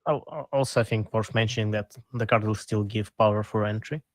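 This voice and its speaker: A man's voice: fairly low pitch, steady tone, fairly quick, no echo. A man co-hosting a casual card game podcast, explaining in a plain, matter-of-fact way. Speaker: co-host.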